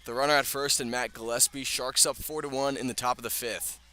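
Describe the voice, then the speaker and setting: It's live radio sports commentary: a man describes a baseball game play by play from an outdoor ballpark, keeping it conversational with offhand asides. His mid-range voice holds a steady tone, moves fairly quickly, and comes across pushed and bright against clear ambient outdoor sound.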